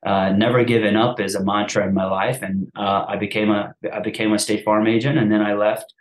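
Man, thirties, from Afghanistan, low voice, fast rambling storyteller, casual interview, echoey room. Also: little pitch movement. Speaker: podcast host being interviewed.

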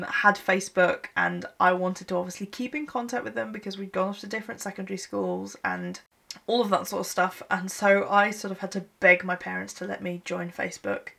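A sleepy woman in her 20s hosts a solo podcast from home late at night, yawning through a rambling, self-deprecating chat recorded on a laptop microphone. Her voice is medium-pitched and fairly bright, with vocal fry.

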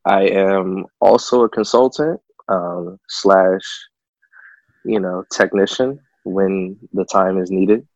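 A man's voice: low voice, slow pace, a little mellow, no room sound, lo-fi sound. A young man from the DMV area, chatting in a laid-back way as a podcast guest, with plenty of "you know.". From DMV area, United States. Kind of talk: casual chat.

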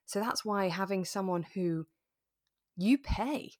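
A podcast co-host chats casually about a radio drama, earnest and enthusiastic. Her voice is medium-pitched with a darkish tone, and she speaks slowly and expressively.

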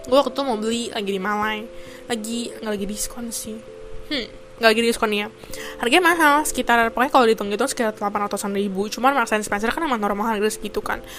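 A woman's voice: a little high, fast talker, fairly bright tone, soft background music. A young woman from Indonesia, chatting casually to camera, full of fillers and bits of English. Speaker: vlogger.

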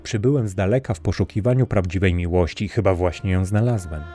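A man voicing a gentle, earnest young prince who speaks calmly and courteously. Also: low-pitched, fast talker, faint music behind. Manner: calm, courteous and sincere.

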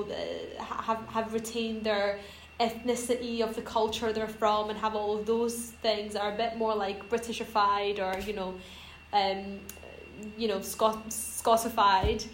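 A young woman from Iran chatting casually on a podcast, rambling and hesitant with lots of fillers. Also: a little high. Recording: roomy echo, faint noise.

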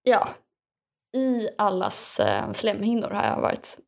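A woman's voice: mid-range voice, big pitch swings, vocal fry, a little mellow. A woman chatting casually, hesitant and self-mocking, with many fillers. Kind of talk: casual comedic chat.

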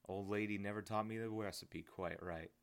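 A man voicing a kindly, thin, balding old man who talks gently and soothingly. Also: on the low side, fairly even intonation, normal speed, vocal fry. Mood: chatty.

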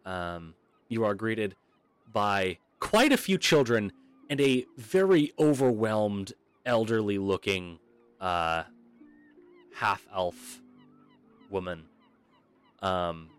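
Halting male game master narrating. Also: lowish voice, animated, clean tone, faint music behind. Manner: halting narration with frequent pauses.

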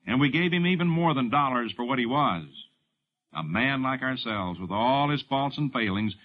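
A man narrating a scripted radio documentary in an expressive, declamatory way. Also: medium pitch. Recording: tinny 1950s radio broadcast.

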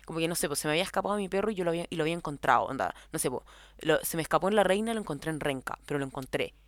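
A woman's voice: deep voice, lively intonation, rapid-fire, dry recording, studio quality. A young woman with a Chilean accent telling a personal story in a casual, rambling way, full of filler words. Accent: Chilean Spanish. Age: young adult.

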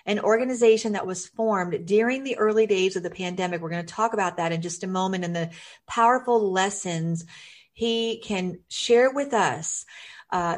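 Lady podcast host, reads out a formal intro then chats, medium-pitched voice.

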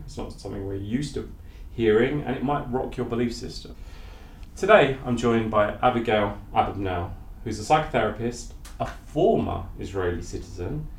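A low-voiced man with a gravelly edge hosts an interview, laying his words down slowly and with weight. The room around him sounds roomy and echoey. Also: slight background noise. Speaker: podcast host. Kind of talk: interview hosting.

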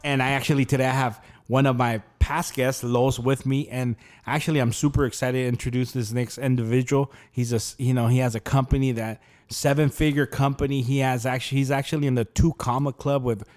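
Male podcast host, casual interview, mid pitch, rambling long-winded questions. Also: steady tone, a little fast, hardly any pauses, darkish tone, faint music behind.

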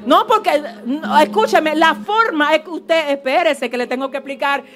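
A woman pastor preaching a fervent, animated sermon in a church service, with asides to the congregation. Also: high-pitched, moderate pace, soft background music, some chatter behind.

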